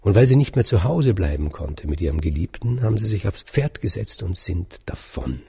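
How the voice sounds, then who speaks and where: A man telling a fairy tale aloud in a calm, measured way, dropping at times to a soft whisper. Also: low voice, gravelly, breathy edge. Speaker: storyteller. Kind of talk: oral fairy-tale storytelling.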